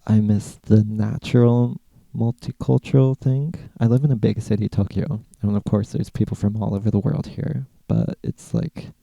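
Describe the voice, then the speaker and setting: American man, podcast Q&A host: low, gravelly, mellow, relaxed and rambling. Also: normal speed, no room sound. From California, USA. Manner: laid-back, rambling, with many "like" fillers. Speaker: podcast host answering listener questions. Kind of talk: casual Q&A chat.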